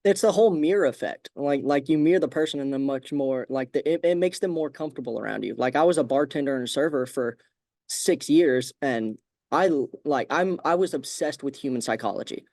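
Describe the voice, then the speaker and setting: A man hosting a podcast, talking casually and relaxed with many fillers like "like". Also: medium pitch, fairly quick, no room sound, studio quality. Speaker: podcast host. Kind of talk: casual conversation.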